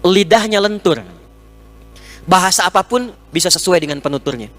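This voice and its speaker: High-voiced male preacher, lively and joking. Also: normal speed. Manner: animated, joking, teaching with everyday examples. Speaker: Islamic preacher. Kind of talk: humorous sermon lecture with questions and answers. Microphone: speaking into a microphone.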